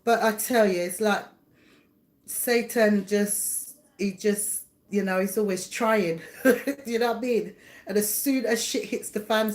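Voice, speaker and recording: A chatty middle-aged woman hosts a casual live chat from her home, talking to viewers. She rambles, laughs often and greets people by name. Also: mid-range voice. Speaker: livestream host and psychic reader. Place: home, indoors.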